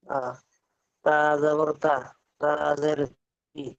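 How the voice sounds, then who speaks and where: A man's voice: on the high side, no echo, muffled recording. A man reciting Arabic letter sounds syllable by syllable as a student in a class. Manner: slow, flat, syllable by syllable. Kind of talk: reciting a reading drill.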